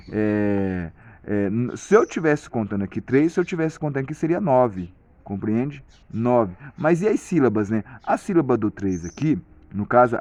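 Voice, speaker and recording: A man's voice: mid-range voice, darkish tone, no room sound. Man, casual video lesson, stumbling restarts, keeps checking in, dry dull lo-fi sound. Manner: hesitant, many restarts and repeated "compreende?". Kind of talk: casual explanatory tutorial.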